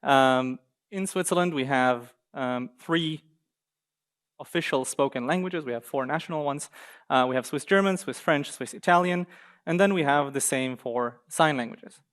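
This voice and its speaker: A young man from Israel giving a conference talk on slides in a university seminar room, lively and joking with the audience now and then. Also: medium pitch, normal speed, clean tone. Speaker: guest speaker.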